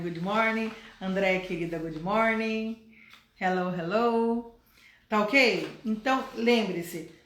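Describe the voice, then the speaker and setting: A woman's voice: on the high side, echoey room. Chatty Brazilian woman teaching English. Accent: Brazilian Portuguese. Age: 50s. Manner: chatty, repeats for emphasis. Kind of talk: casual classroom explanation.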